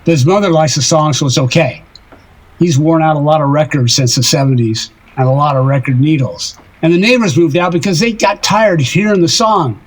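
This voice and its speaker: Here the actor voices a self-deprecating older married man pining with love, his husky delivery wistful, halting, and rambling. The pitch runs on the high side, the acting is light, and the recording is rough.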